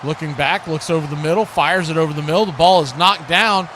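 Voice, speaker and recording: With a brisk, slightly bright delivery, this high-voiced American man handles live football play-by-play. Short, clipped present-tense calls alternate with conversational asides, and a clear layer of background noise stays behind him the whole time.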